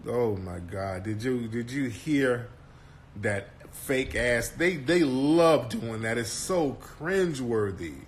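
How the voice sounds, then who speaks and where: A man's voice: mid-range voice, takes it slowly, slight background noise. A man hosting a casual commentary talk in a brash, mocking and profane way. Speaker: host.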